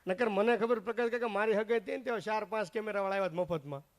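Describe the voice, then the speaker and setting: A man's voice: sits high, rapid-fire. A man doing live stage comedy, chatting straight to the crowd. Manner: chatty, addresses the crowd directly. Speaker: stand-up comedian and mimic.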